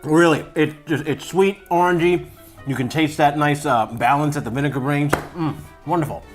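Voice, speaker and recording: Man, cooking show host, higher-than-average pitch, casual tutorial style, rambling, self-deprecating, offhand asides, background music. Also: normal speed.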